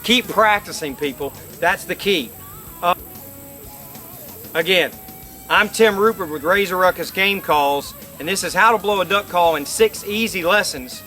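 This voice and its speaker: A man's voice: sits high, unhurried, pushed and bright, soft background music. A middle-aged man giving an informal, folksy instructional demonstration, explaining step by step. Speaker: duck-calling instructor. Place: outdoors by a lake.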